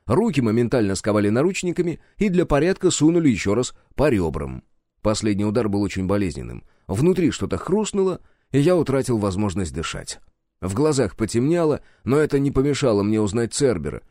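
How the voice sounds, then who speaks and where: A man's voice: on the low side, very animated, a little fast, dark tone, dry recording, clean studio sound. A man narrating a first-person audiobook in a wry, sardonic storytelling manner.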